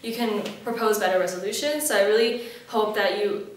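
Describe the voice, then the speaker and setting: A young woman in her twenties, from Malaysia, answers interview questions in a chatty, upbeat way, full of ums and restarts. Her voice sits at a middle pitch. The sound bounces around a very echoey room, and she stands well back from the mic. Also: steady tone, brisk, far from the mic, slight background noise. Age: 20s. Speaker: head chair interviewee.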